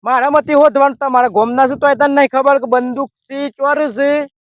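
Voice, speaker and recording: A man's voice: extremely high pitch, fairly even intonation, fairly quick, dry recording. An older man in a village comedy sketch, wearily complaining about being lost while carrying an invitation card. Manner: weary, complaining, rustic dialect. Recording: dull lo-fi dry sound.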